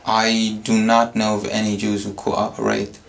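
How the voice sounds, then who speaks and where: A man's voice: fairly low pitch, monotone, creaky. A young man from Syria, answering interview questions carefully and hesitantly. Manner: careful, hesitant, many pauses. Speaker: interview guest.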